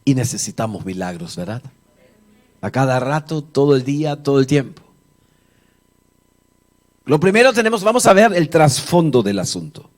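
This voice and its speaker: Soft music plays behind a male pastor preaching to his congregation in a mid-range voice. Very animated and moderately paced, he pauses often, jokes conversationally with the people, and tells the story by acting out its dialogue.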